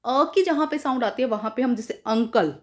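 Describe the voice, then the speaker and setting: A woman teacher explaining grammar to schoolchildren, repeating points, asking rhetorical questions and reading English examples slowly. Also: a little high, darkish tone. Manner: calls listeners "beta".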